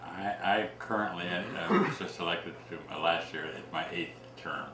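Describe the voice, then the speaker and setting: A man in his seventies from Ohio, a township trustee talking plainly in a casual radio interview, with halting restarts. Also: deep voice, far from the mic, crowd noise. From Ohio, USA. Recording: echoey room with background noise.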